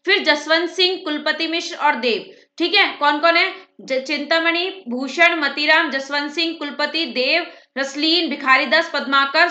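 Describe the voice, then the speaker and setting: A woman teacher rattles through an exam-prep lecture at speed, often checking in with "theek hai". Her voice sits high and sounds bright and sharp. The room gives it a noticeable echo. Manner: fast-talking, brisk.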